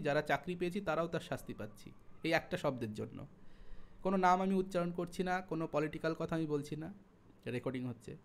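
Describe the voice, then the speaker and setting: A young man with a high voice and a West Bengal Bengali accent leads an online exam-prep lesson. He talks in a chatty way, spells sounds out slowly, and drifts into asides. He is close to a single mic. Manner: chatty teacher, asides and everyday examples, drawn-out spelling of sounds. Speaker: Sanskrit exam tutor.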